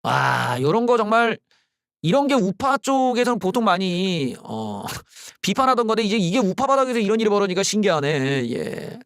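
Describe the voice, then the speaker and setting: A man hosting solo political commentary, blunt and scornful, ranting with rough slang. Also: sits high, big pitch swings, moderate pace, dry recording, studio quality. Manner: mocks slogans in loud shouted bursts.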